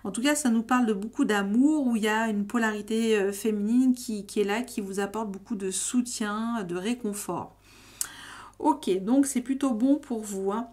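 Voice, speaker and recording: A woman's voice: fairly high pitch, moderate pace, darkish tone. A woman giving a casual tarot reading to her viewers, talking in a hesitant, meandering way full of fillers and restarts. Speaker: tarot reader.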